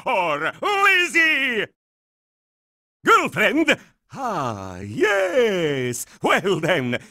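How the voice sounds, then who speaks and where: A man's voice: extremely high pitch, no room sound, studio quality, full character voice. A man voicing a melodramatic vampire count villain for a cartoon video game, theatrical and bombastic. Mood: scheming, grandiose. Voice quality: bright, forceful, theatrical. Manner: melodramatic, bombastic, broken grammar.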